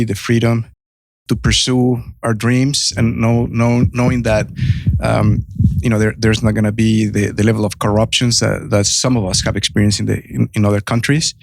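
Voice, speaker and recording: A Mexican entrepreneur in his fifties with a Spanish accent tells his story as a guest in a podcast interview, speaking earnestly and restarting often. His voice is medium-pitched and creaky, with no room sound.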